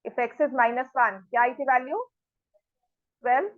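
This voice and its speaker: A woman's voice: high voice, normal speed, dry recording, phone-quality sound. A woman maths teacher. She mixes Hindi and English, keeps asking the class questions and scolds the students firmly. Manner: talks straight to the students, asks them questions, scolds firmly.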